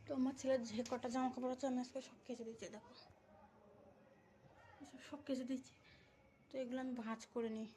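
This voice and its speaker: A woman's voice: sits high, level tone, fast, long pauses, slight background noise. Chatty young woman vlogging from home. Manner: chatty, talks softly while child sleeps. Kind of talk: casual home vlog chat. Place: home, then outdoors in a field.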